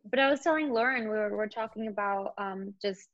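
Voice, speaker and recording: This guest, a young Indian actor, talks brisk and chatty about her acting, using "like" again and again. Her medium-pitched voice has a fairly bright tone; there's no room sound, but the audio is somewhat dull and lo-fi.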